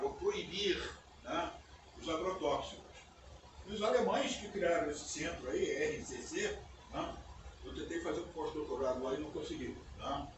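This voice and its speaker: An older man from the United States, a native English speaker with a fairly high voice, is a guest lecturer at a conference in a university auditorium. Conversational and relaxed, he checks in with the audience and habitually ends phrases with "né?". The recording is echoey and distant, with background noise.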